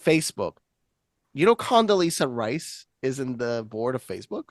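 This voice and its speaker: A man arguing insistently and quickly in a casual podcast chat. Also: medium pitch, sing-song, no echo. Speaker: podcast guest.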